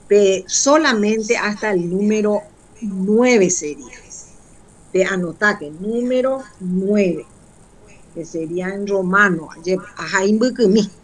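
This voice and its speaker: Woman, Paraguayan accent, teacher, slow deliberate pace, explaining class exercises. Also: mid-range voice. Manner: slow, switching between two languages.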